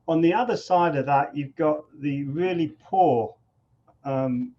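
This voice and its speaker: A man, a guest musician telling stories in a conversational interview, animated and often repeating words as he thinks. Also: a little high, a little slow. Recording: dull lo-fi sound.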